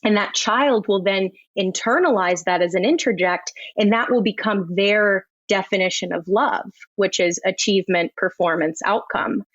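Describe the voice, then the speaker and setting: A woman's voice: medium pitch, no echo. A woman co-hosting a podcast, talking in an articulate, reflective and analytical way with psychology vocabulary. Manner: articulate, measured, uses psychology jargon. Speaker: podcast co-host. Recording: slightly dull, dry close recording.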